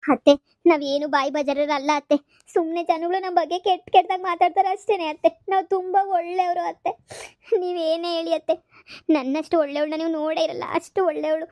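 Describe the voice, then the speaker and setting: A woman's voice: very high-pitched, flat delivery, fairly quick, a little mellow, no room sound. A woman voicing a tearful young bride-to-be, crying and pleading with her future mother-in-law.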